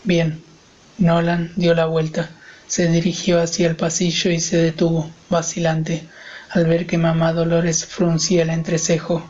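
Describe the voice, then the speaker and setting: A man narrating a horror story as an audiobook in a measured, even reading. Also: on the high side, muffled recording.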